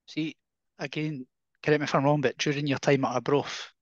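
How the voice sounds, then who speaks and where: A man's voice: fairly high pitch, level tone, fairly quick, no echo. A Scottish man hosting a podcast who asks easygoing, tentative questions in casual interview talk. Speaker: podcast host. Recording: dull, dry podcast audio.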